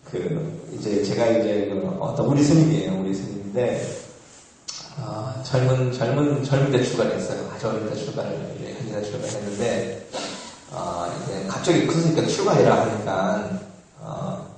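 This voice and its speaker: A man gives a relaxed Buddhist dharma talk, telling a story in a conversational way with many small fillers. He stands well back from the microphone, so his voice sounds distant. A heavy echo from a large hall hangs on every word. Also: fairly low pitch, moderate pace. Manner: conversational, with frequent "eo" fillers and laughs. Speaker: monk giving a dharma talk. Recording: very echoey, far from the mic.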